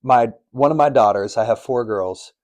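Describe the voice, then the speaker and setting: In an Arizona studio, a middle-aged man co-hosting a faith-based podcast chat tells stories in a sincere, sermon-like way. His mid-range voice is a little mellow, delivered at a normal speed.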